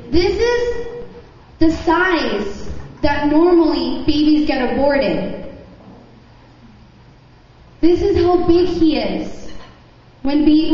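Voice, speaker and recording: A woman's voice: sits high, mellow. A woman giving an informal, earnest youth group talk, repeating phrases for emphasis and putting questions to her listeners. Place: large reverberant room with a live group. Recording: echoey hall, muffled, noisy background.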